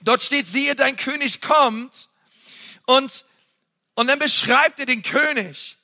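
A man preaching a sermon, passionate and emphatic, talking straight to his listeners in a casual way and swinging between loud and soft. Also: extremely high pitch, takes it slowly. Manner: casual, direct address to the audience.

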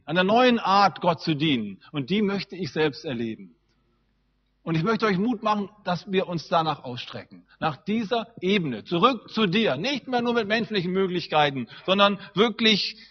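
A male preacher telling a story in a sermon with animated, vivid delivery and a husky voice, on a muffled lo-fi recording. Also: high-pitched. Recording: muffled lo-fi sound.

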